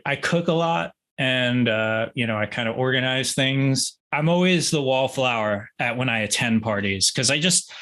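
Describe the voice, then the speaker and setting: A man's voice: medium pitch, sharp tone. A male guitarist answering interview questions in a rambling, self-deprecating way with many restarts. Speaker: guitarist guest.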